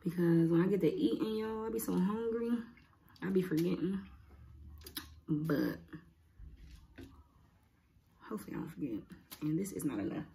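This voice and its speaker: Young lady doing casual mukbang chat, gravelly lowish voice, muttering between bites, some clicky noise behind. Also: lively intonation, a little fast, long pauses, mellow. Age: young adult. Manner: informal, rambling, muttering to herself between bites. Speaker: mukbang host. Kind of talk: casual chat while eating. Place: indoors at home, cloth backdrop.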